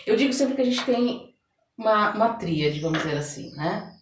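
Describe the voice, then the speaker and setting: Her voice is mid-range and lively, moving at a normal pace, with a Brazilian Portuguese accent. As a holistic therapist and folk blesser being interviewed, she talks through her practice in a reflective, conversational way, frequently seeking agreement. Faint background noise and a distant mic in an echoey room shape the recording.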